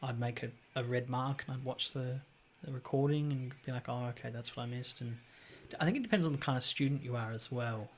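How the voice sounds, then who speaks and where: A man, a podcast guest telling stories in a blunt, sweary and animated way. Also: medium pitch, fairly quick, slight background noise. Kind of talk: casual chat.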